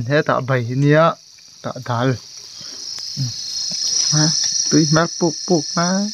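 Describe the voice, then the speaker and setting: A man's voice: a little high, takes it slowly, heavy background noise. A man chatting casually and laughing often while out hunting rats. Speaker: rat hunter. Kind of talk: casual chat outdoors.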